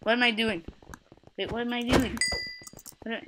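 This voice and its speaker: A woman giving excitable gameplay commentary, yelping, laughing and taunting other players. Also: a little high, normal speed. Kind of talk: excitable let's-play commentary. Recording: loud background noise with clicking.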